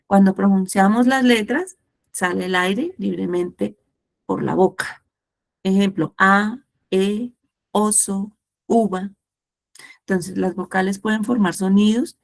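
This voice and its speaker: A woman's voice: medium pitch, takes it slowly, vocal fry. Woman teaching a virtual class. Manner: explains with a storybook tale and examples. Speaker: Spanish teacher. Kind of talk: online class lesson. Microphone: video call.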